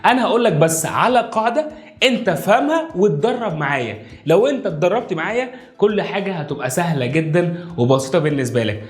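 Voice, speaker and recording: A man with an Egyptian Arabic accent teaching English pronunciation at a whiteboard, coaxing his viewers and drilling each sound in a slow chant. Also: fairly high pitch, roomy sound. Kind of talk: video lesson at a whiteboard. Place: indoor room with a whiteboard.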